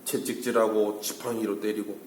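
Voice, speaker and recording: Korean pastor preaching in an echoey church. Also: male voice, fairly low pitch, flat delivery, moderate pace, a little mellow, a little hiss or hum. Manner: asks the congregation questions and answers them himself. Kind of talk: early-morning sermon. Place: church sanctuary.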